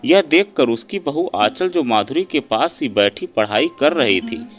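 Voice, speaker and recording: A man narrating a scripted family story in a dramatic, expressive way. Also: medium pitch, a little slow. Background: soft background music.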